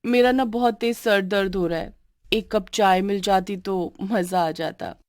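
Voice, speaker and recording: High-voiced spoiled young wife, cruel and demanding, played by a woman. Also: fairly even intonation, a little slow, darkish tone, no echo, studio quality, lightly acted. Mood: sweet. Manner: haughty, demanding. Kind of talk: cartoon voice acting.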